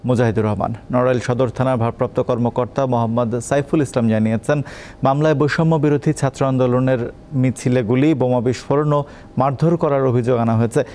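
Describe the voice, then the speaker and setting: A man reading a scripted news bulletin as presenter, in a brisk, formal delivery. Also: medium pitch, a little mellow, a little hiss or hum.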